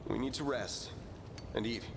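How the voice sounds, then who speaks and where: An actor playing a calm outdoorsy man who reassures his friends in a video game. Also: medium pitch, moderate pace, vocal fry, background noise, natural voice.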